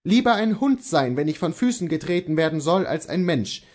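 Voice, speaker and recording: Guy doing a steadfast horse dealer husband, earnest and gentle, a bit raised in pitch, lively. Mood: earnest resolve. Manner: earnest, measured, gently persuasive.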